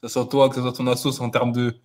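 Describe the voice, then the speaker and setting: Brief: male host, mid pitch, halting questions, short reactions. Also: flat delivery, a little mellow. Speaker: interviewer. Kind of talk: casual chat.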